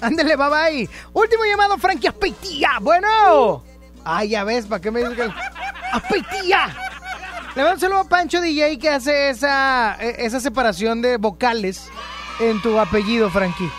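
High-voiced playful Mexican woman radio host. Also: normal speed, music in the background. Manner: playful, teasing, laughs often. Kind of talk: casual call-in radio chat.

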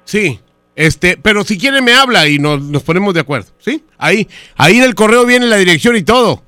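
A man playing a pompous, rambling hotel-owner engineer in a radio prank call, stalling with fillers and spelling things out slowly. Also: high-pitched, expressive, bright, forceful tone, no echo, pitched above the performer's own voice. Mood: fussy. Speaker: prank caller.

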